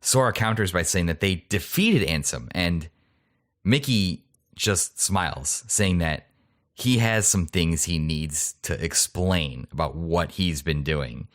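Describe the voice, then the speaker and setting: Deep-voiced man recapping casually. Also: animated, takes it slowly. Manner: chatty, reacts with laughs and asides. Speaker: podcast host.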